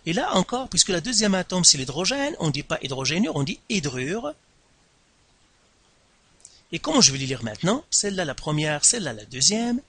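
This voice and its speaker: A man teaching a class in a lively, bright voice that is a touch husky. He talks slowly and deliberately, stressing every term and repeating key words, with big leaps in pitch. The sound is dry and close. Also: dry recording. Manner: slow, deliberate, repeats terms and stresses syllables, pitch jumps. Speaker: science teacher. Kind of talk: classroom lesson explaining at a board.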